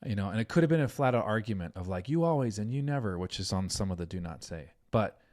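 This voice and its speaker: A middle-aged man hosting a parenting podcast, telling a story in an earnest, animated way and saying "like" often. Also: sits low, fast. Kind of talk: casual podcast conversation.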